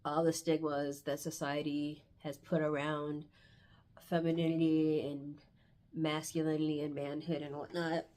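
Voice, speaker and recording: A woman with a low, darkish voice speaks in a level tone and a little slowly, stuffed up from hay fever. As a book-review vlogger, she chats casually and reflectively, often searching for words and reading passages aloud.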